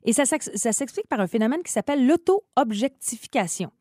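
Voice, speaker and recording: A woman in her thirties with a Quebec French accent, co-hosting a casual radio chat, lively and laughing often. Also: a little high, a little fast, no echo, clean studio sound. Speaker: radio co-host.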